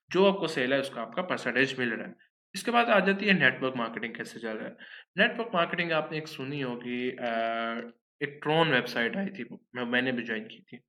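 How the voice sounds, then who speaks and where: A man's voice: on the high side, bright, forceful tone. A man giving a casual explainer talk, conversational and often checking that listeners follow. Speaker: online scams explainer.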